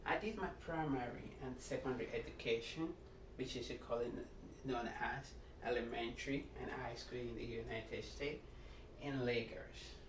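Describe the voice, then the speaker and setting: Middle-aged Nigerian man, student self-intro, earnest and deliberate, mid-pitched voice picked up from across a room with background hum. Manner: earnest, deliberate, in short phrases. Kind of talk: prepared self-introduction speech. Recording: echoey room, distant mic, background noise.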